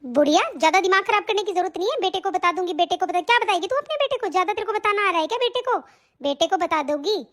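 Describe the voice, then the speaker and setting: A woman's voice: very high voice, normal speed, fairly bright tone. A woman playing a stingy, harsh young daughter-in-law who scolds and threatens her mother-in-law. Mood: scolding. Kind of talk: hobby family-drama acting.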